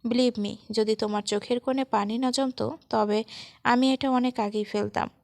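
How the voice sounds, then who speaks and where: Woman doing a cocky young guy in a storybook, soft calm teasing, gravelly low-key voice. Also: normal speed, no room sound.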